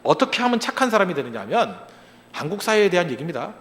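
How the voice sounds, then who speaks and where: Male pastor, high and lively voice, animated sermon full of rhetorical questions, long reverb of a large hall. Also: quick pace. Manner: acts out short quoted lines in other voices.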